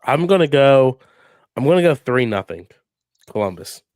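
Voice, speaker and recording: Male co-host, croaky from coughing, dry close mic, blunt casual delivery. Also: mid-range voice, sing-song, normal speed, a little mellow, dry recording. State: hoarse after coughing fit. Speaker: podcast co-host. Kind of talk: casual sports chat.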